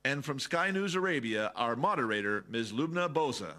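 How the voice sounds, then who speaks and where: A man announcing speakers to the stage in a ceremonial, measured way. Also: mid-range voice, lively intonation, noisy background. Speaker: event announcer.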